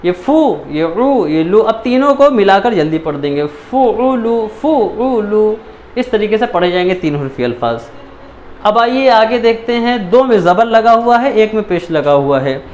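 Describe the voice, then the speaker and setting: Male Quran reading teacher, high voice, patient syllable-by-syllable drilling, faint background hiss. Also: very animated. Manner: patient, repeats syllables slowly, frequent "theek hai". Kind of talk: step-by-step recitation lesson.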